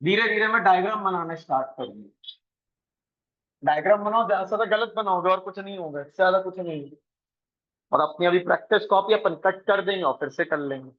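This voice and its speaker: A man teaching a coaching class, briskly quizzing his students and mixing English math terms into his talk. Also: sits high, lo-fi sound. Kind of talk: classroom lesson.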